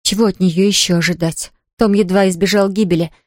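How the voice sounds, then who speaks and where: A woman narrating a children's story in an expressive, steady way. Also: medium pitch, a little fast, no echo, clean studio sound.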